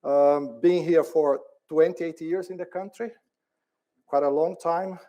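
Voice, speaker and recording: Man from Brazil, middle-aged, mellow low-key tone, halting conference talk, repeats himself. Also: steady tone. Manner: hesitant, repeats words, laughs easily. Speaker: department head on a panel.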